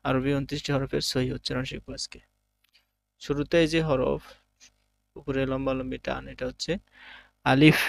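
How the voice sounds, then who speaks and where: Man teaching Arabic letters, gravelly and flat. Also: mid-range voice. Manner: patient teaching, drawing out each letter sound loudly. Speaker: Quran teacher. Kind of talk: online Quran alphabet lesson.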